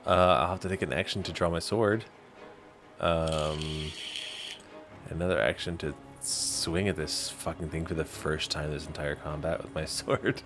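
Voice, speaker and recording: A man playing a tabletop game, talking through his character's actions and breaking into shouted in-character lines. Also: extremely low pitch, normal speed, over music. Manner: animated, bursts into shouted in-character yelling. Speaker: player.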